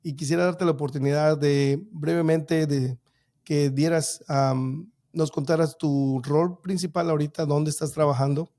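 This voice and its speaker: A man's voice: on the high side, mellow. A man hosting a podcast, reading introductions from a script and then asking questions with some hesitation. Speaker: podcast host.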